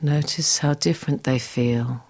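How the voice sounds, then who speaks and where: A woman guiding a scripted relaxation exercise in a soft, soothing, breathy, near-whispered voice. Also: low-pitched, steady tone, a little slow. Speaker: relaxation guide.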